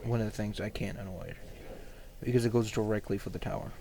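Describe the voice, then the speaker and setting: A man's voice: lowish voice, fast, gravelly, noisy background. A man casually talking through a strategy game match, rambling with lots of fillers and restarts. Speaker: gamer commentating his match. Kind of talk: casual gameplay commentary.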